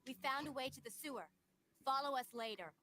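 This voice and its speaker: A woman's voice: high-pitched, fast talker, noisy background, lightly acted. A woman voicing Claire, reassuring game heroine. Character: young woman survivor, calm and reassuring. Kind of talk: video game cutscene dialogue.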